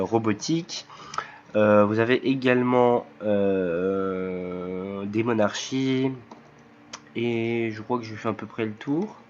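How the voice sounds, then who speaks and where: A man with a cold hosting his first game let's play video, talking hesitantly with many filler pauses as he explains the game. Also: fairly low pitch, muffled recording, slight background noise. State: sick, voice cracking. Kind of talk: game commentary. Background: faint game music.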